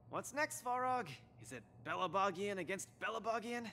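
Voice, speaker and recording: Bright, high-voiced earnest young fighter. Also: male voice, slight background noise, heavily acted. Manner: earnest, boyish, expressive. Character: earnest, spirited young male fighter, self-doubting but game. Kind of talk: video game voice acting.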